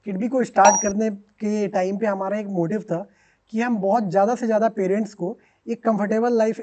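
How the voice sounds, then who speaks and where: Being interviewed in a podcast studio, a high-voiced startup co-founder explains his answers steadily, dropping in English business terms as he goes.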